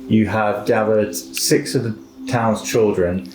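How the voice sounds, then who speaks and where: A man narrating a tabletop game as game master, casually and haltingly, among friends. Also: on the low side, fairly even intonation, a little mellow, faint music behind. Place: indoor room, in-person group session. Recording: echoey room, clear background noise.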